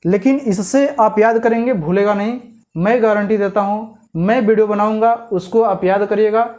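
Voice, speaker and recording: A man teaching a memory trick, explaining step by step and often checking with "clear?" and questions to the viewer. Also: high voice, darkish tone. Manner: repeats "clear?" and asks rhetorical questions.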